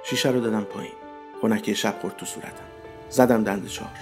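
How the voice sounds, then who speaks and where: A man telling a first-person story in a measured, wry narrating voice. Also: fairly low pitch, steady tone, music in the background.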